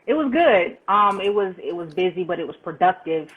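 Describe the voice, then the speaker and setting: A woman's voice: lowish voice, expressive, a little fast, dull audio, a crowd in the background. A woman hosting a casual interview chat, upbeat and affirming, with slangy turns of phrase. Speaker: host.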